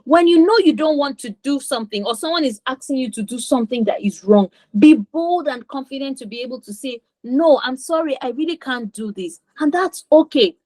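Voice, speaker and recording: Woman, teen confidence coach, higher voice, emphatic and repetitive, dry sound. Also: expressive, fairly quick, few pauses, a little mellow, dry recording. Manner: repeats for emphasis, acts out kids' voices. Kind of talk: online class teaching.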